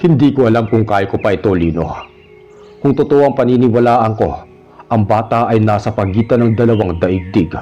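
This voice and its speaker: Brief: old village priest, grave and fearful, dark, by a man, lo-fi. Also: fairly low pitch, fairly quick, faint music behind, natural voice. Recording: dull lo-fi recording.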